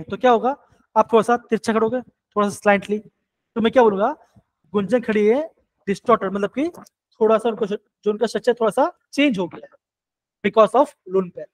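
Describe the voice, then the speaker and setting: A man's voice: high voice, rough recording. A male chemistry teacher, teaching a live online class and coaxing students with repeated questions.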